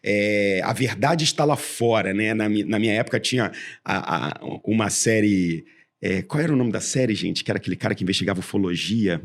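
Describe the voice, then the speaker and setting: A man hosts a casual interview podcast, talking quickly and cracking provocative jokes. His voice has a husky, slightly rough edge. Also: on the low side. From Rio de Janeiro, Brazil. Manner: jokey, chatty, provocative. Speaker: podcast host.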